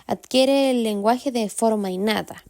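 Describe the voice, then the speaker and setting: A woman's voice: on the high side, unhurried, mellow, no echo. Chilean woman reviewing terms, dry sound. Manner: lists terms in short definitions, then gives examples. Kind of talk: reviewing study material.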